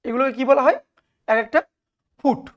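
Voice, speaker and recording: Higher-pitched woman teacher with a Bengali accent. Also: brisk, highs cut off. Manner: explains step by step, asks and answers own questions, mixes Bengali and English. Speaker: English literature teacher. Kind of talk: classroom lecture.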